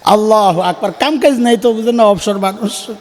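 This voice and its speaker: A man in his fifties from Bangladesh preaching a fiery, humorous sermon, joking and shouting rhetorical questions to the crowd through a PA microphone. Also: high voice, normal speed. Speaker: Islamic preacher. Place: religious gathering at a school ground. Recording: reverberant PA sound with long echo.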